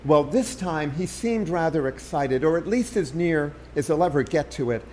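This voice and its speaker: A man's voice: a little high, lively intonation, normal speed, mellow, a little hiss or hum, natural voice. A man reading the lines of an anxious, urgent young American man in an audiobook.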